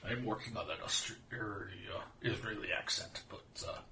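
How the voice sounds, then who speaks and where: A man's voice: fairly low pitch, normal speed, distant mic. A man narrating and joking as game master in a tabletop role-playing game. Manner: relaxed, joking, with fillers and laughs. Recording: echoey room with faint noise.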